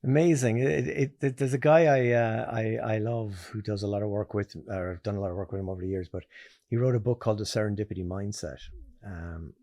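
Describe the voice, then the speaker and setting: Low-voiced Irish man hosting a chat. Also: steady tone, brisk, dark tone, no echo. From Ireland. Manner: rambling, restarts phrases while thinking aloud. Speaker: podcast host. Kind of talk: conversational interview.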